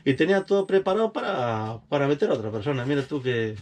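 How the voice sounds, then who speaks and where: A man telling his own life stories in casual chat, animated and acting out other people's voices. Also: medium pitch, fast, slight background noise.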